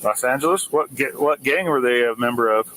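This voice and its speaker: A man working as a police officer, firing brisk, probing questions at a driver during a traffic stop outdoors. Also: mid-range voice, bright, forceful tone, rough recording. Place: outdoors by a roadside.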